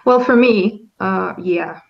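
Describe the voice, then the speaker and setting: This woman from Finland, appearing as a guest in an easygoing conversation, has a medium-pitched voice with vocal fry and a slow pace. She's thoughtful but halting, often breaking off to begin again, and the audio sounds dull.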